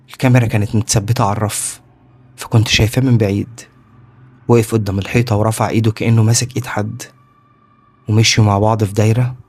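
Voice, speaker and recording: Fast, hushed Egyptian horror narrator. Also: male voice, fairly low pitch, husky. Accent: Egyptian Arabic. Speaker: storyteller.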